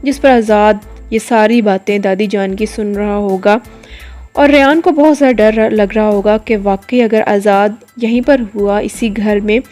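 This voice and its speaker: A woman reviewing a drama episode, retelling the plot to her viewers in a steady storytelling manner with occasional hesitations. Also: mid-range voice, unhurried, soft background music.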